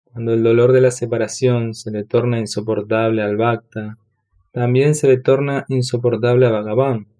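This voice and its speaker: A man narrating a devotional audiobook in a measured, solemn reading. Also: medium pitch, level tone, mellow. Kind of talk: scripted narration.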